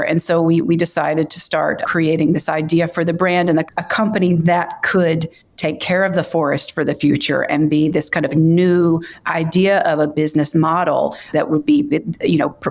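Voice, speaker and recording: A woman's voice: low-pitched, vocal fry. A woman co-founder talking in a reflective way, with many fillers, in a podcast interview. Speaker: brand co-founder.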